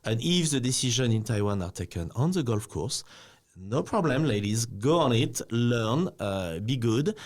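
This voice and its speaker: A man from France, speaking as a bank executive guest in a casual interview, animated and peppered with "you know". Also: medium pitch, normal speed. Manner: animated, slightly non-native phrasing, frequent "you know".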